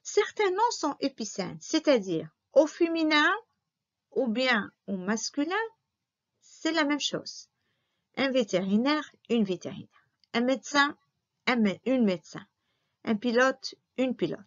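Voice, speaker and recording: Slow, patient woman teaching grammar. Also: sits high, very animated. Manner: patient, repeats and spells out examples. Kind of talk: slow classroom grammar review. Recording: dull lo-fi recording.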